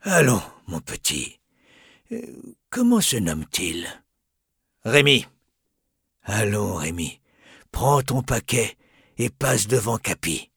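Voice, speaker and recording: An actor playing a calm, firm old street showman in an audiobook, measured and coaxing in a husky voice. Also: on the low side, dry recording, studio quality, full character voice. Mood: businesslike. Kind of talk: audiobook character voice.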